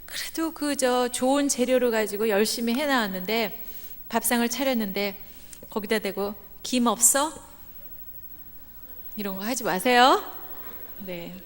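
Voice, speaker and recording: A middle-aged woman giving a lively storytelling sermon at a church meeting, acting out the voices of the people in her stories. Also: a little high, normal speed. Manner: animated, acts out quoted voices, laughs at own jokes. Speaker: guest speaker at a church revival meeting. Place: church sanctuary. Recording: reverberant church hall.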